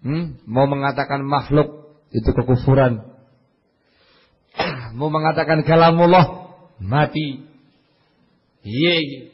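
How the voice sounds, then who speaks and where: Guy preaching, husky voice, dull old lecture tape, gets loud then mutters. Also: medium pitch, slow pace, pauses often, long reverb tail. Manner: animated storytelling with big swings between loud and murmured asides. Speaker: Islamic preacher. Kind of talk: religious lecture.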